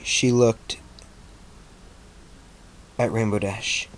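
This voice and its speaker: Slow, halting man reading fan fiction. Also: lowish voice, level tone, a little hiss or hum. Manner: halting, stumbling over words, casual. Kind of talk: amateur story reading.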